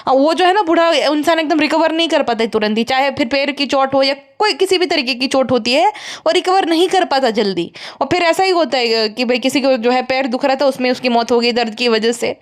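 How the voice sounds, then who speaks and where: A woman's voice: high-pitched, brisk, hardly any pauses. A woman giving casual, sarcastic roast commentary on other vloggers. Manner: scornful, sarcastic.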